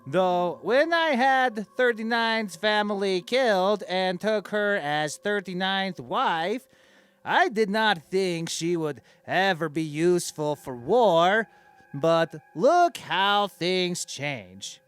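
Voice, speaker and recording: High, smooth-voiced vain tyrant king played by a man, oblivious and deadpan in comic fantasy audio diary. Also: slow, full character voice. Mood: self-satisfied, musing. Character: vain, childishly oblivious male dark-lord dictator king.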